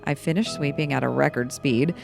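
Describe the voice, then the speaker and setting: A woman reading as a hushed, spooked bartender man. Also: fairly high pitch, brisk, vocal fry, over music, pitched below the performer's own voice. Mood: hushed spooky. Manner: hushed, quiet spooky storytelling. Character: spooked male night-shift bartender.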